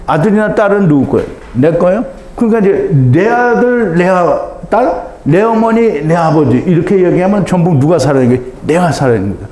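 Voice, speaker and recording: A man preaching a sermon as a pastor, pleading and impassioned, swinging between shouts and low, urgent appeals. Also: lively intonation, brisk, few pauses. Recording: echoey room.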